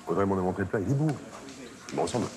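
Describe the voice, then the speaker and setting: An actor playing an excited man who has just learned he is a father, talking emphatically. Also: deep voice, very fast, noisy background. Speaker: new father. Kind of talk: sitcom acting. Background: background music.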